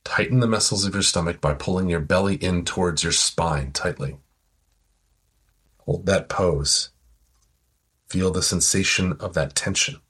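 Very smooth, deep-voiced man guiding relaxation. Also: a bit bright. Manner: slow, soothing instructions. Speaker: relaxation guide. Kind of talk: guided progressive muscle relaxation.

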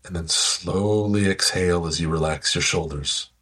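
A man slowly guiding a listener through a progressive muscle relaxation exercise with soothing, calm instructions. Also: deep voice, husky. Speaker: relaxation guide.

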